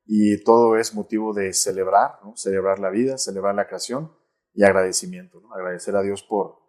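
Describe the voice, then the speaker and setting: Reflective priest, lowish voice. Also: male voice, fairly even intonation, fairly quick, darkish tone. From Mexico. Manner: reflective, frequent tag "¿no?" and restarts. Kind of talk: casual interview conversation.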